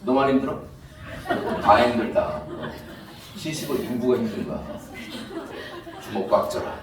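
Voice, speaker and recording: A man voicing an impatient, dismissive male God who scolds someone for crying, in loud, exasperated lecturing tones. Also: mid-range voice, unhurried, noisy background, voice pushed up, lightly acted. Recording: echoey church hall, distant mic, music.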